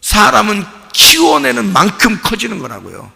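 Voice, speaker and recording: A male pastor preaching a sermon, dropping to hushed low talk and then shouting for emphasis while asking the congregation questions. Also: wildly swooping pitch, normal speed, creaky, long reverb tail.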